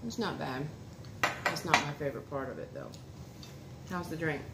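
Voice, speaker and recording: Her voice sits low and moves at normal speed as this woman in her thirties, a food reviewer vlogger, tastes food and chats casually at home. Unwrapping food in the dining room, she talks to viewers and to her son at the table in a homey manner. Background noise is clear, and the indoor space echoes.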